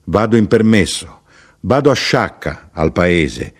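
A man's voice: low voice, lively intonation, takes it slowly, full character voice. A man doing a cheery chatterbox of a clerk. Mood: pleased. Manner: eager, cheerful, insistently sociable. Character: chatty contented middle-aged male land-registry clerk.

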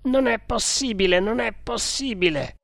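A reader voicing a desperate, furious man who commands and shouts in a dramatic audiobook. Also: mid-range voice, fairly even intonation, slow pace, dry recording, clean studio sound. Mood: frantic. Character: desperate furious adult male hero.

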